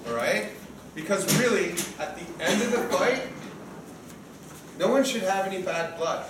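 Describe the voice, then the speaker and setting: His voice is high-pitched and lively in intonation, and he doesn't hurry. In his fifties, he's the organizer and referee of a sparring event, briefing a group informally and checking in with brief tag questions, all picked up in a distant, echoey room with background noise.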